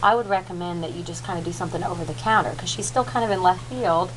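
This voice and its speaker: A woman's voice: lowish voice, quick pace. A woman working as a dental assistant, patiently and informally explaining aftercare instructions in detail and checking she is understood. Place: clinic recovery room. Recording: noisy room with background ambience.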